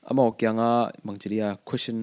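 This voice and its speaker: A young man, a university student, answering podcast questions in halting, casual chat. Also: mid-range voice, steady tone, darkish tone. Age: young adult.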